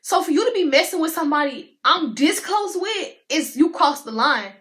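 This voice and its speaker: A teenage woman, telling a storytime in a chatty, animated way and talking to viewers as y'all. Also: high voice, normal speed. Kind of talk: casual storytime vlog.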